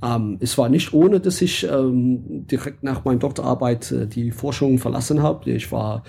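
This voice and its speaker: A man's voice: medium pitch, moderate pace, vocal fry, dark tone, slight background noise. A man from England with an English accent, a guest in a casual interview, speaking hesitantly with many fillers and searching for words.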